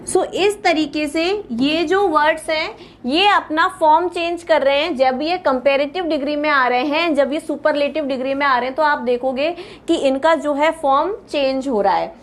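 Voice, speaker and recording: High-voiced Indian woman teaching grammar. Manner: patient, repeats word lists slowly, addresses students as "beta". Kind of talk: classroom lecture explaining grammar.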